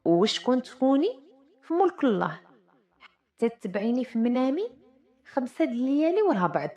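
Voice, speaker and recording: A woman's voice: sits high, big pitch swings, a little fast, dark tone, voice pushed up. A woman with a Moroccan accent voicing a proud, commanding sultan troubled by his dreams, speaking in an imperious, questioning way.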